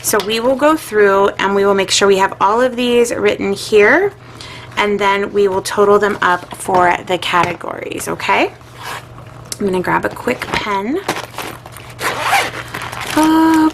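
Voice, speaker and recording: A middle-aged woman talks casually to her viewers as she works through her budget at a home desk. Her voice sits at an ordinary middle pitch, and she muses aloud with lots of um's. A faint hiss of room noise sits behind her. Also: fairly bright tone, poor audio. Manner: chatty, musing aloud with filler words. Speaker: budgeting vlogger. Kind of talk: casual chat while budgeting.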